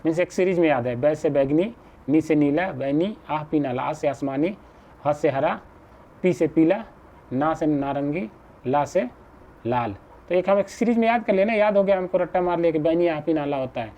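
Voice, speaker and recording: A man teaching an exam-prep class, explaining slowly, repeating points and checking with the listener. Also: fairly high pitch, animated, dark tone.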